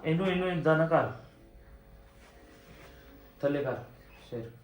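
Speaking at a measured pace in a fairly high pitch, a Punjabi-accented man from Punjab, India films a casual home vlog indoors. As a family vlogger, he coaxes and reassures a small child. The room is echoey, with a faint hum in the background.

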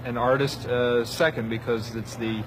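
Brief: male animator, informal interview talk, medium pitch, noisy surroundings. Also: fairly even intonation, moderate pace. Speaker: character animator. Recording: noticeable background noise.

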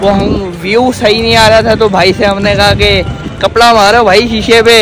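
A young man, casually narrating a road trip vlog to a phone held at arm's length, excitedly calling out to friends. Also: high voice, moderate pace, music in the background, low-quality recording. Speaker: vlogger. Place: minivan and roadside outdoors.

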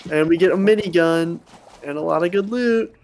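A man in casual gaming chat with friends, directing the squad with quick calls over a headset. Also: a little high, a little mellow. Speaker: streamer playing with friends.

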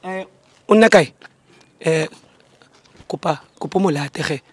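A South African man hosting a street vlog, loud and pushy as he questions people about a debt. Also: on the high side, unhurried, slightly rough. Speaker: vlog host confronting a debtor. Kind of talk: street confrontation vlog, mixing languages.

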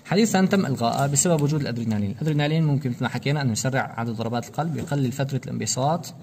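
A man's voice: mid-range voice, a little mellow. Man lecturing on a procedure at top speed, teacher's quizzing tone, faint room noise behind. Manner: rapid explanatory, asks students rhetorical questions. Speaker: anesthesia lecturer. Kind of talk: practical medical demonstration.

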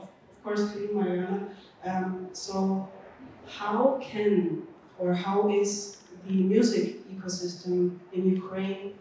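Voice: medium pitch, warm tone, slight background noise. A panel moderator thanking guests and posing questions in a polite way. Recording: echoey hall, distant.

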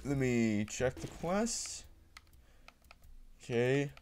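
A man's voice: medium pitch, lively intonation, very slow, darkish tone, a little hiss or hum. A man hosting a casual gameplay commentary with a friend, joking and teasing sarcastically. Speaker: let's play host.

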